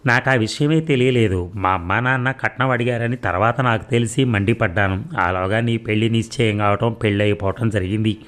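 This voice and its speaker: A man voicing an earnest young bachelor who talks in a gentle, coaxing way, in a read-aloud story. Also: fairly low pitch, fairly quick, few pauses, close to an everyday voice.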